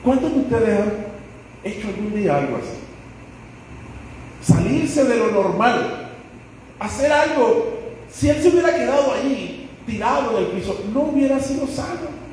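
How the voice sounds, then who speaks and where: Pastor, dramatic sermon storyteller, high voice, picked up from far off in a church. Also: male voice, lively intonation, moderate pace, pauses often, a little mellow, slight background noise. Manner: dramatic storytelling, acting out the people in the stories. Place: church sanctuary. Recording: echoey church hall, voice from far off.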